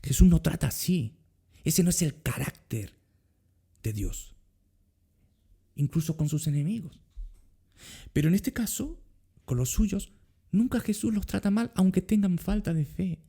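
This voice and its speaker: A man's voice: high voice, unhurried, creaky, pauses often, husky. A middle-aged man with a Spanish accent preaching a sermon as pastor, acting out quoted words. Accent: Spain Spanish. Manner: animated, acts out Jesus's words in quotes.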